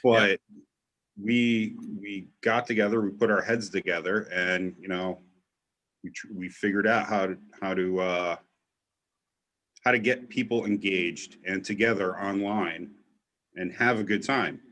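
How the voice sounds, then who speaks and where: A man's voice: low-pitched, fairly even intonation, a little slow, a bit bright. A man from an events company talking easily as a guest, with frequent fillers. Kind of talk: casual video-call chat.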